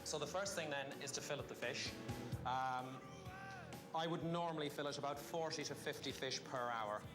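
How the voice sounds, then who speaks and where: A man's voice: on the high side, moderate pace. A man in his thirties with a west of Ireland accent, informally explaining a hands-on job step by step. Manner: explains step by step, often checking with "okay". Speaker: fish smoker demonstrating his craft. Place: small metal-walled processing room. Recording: music behind the voice.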